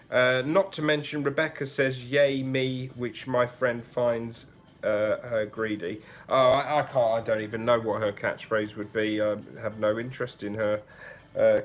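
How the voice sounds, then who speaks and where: A man hosting a relaxed livestream, chatting through viewer comments one by one. His voice sits at an everyday middle pitch. He thinks out loud, trailing off and restarting as he goes. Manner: chatty, musing aloud with frequent restarts. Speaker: livestream host. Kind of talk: casual livestream chat, reading viewer comments.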